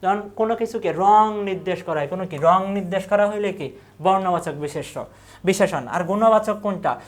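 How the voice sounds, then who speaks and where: In this exam-prep lecture for university admission, the tutor is a man whose voice sits high and who has a Bangladeshi Bengali accent. His habit is to ask every question and then say the answer again.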